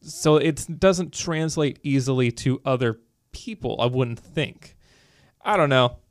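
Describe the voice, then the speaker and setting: A man co-hosting a casual podcast, talking fast and loose with lots of "like" and "you know". His voice sits in an ordinary middle pitch. The sound is dry and close, with no room around it. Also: dry recording. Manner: animated, filler-heavy geeky talk. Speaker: podcast co-host. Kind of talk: casual chat.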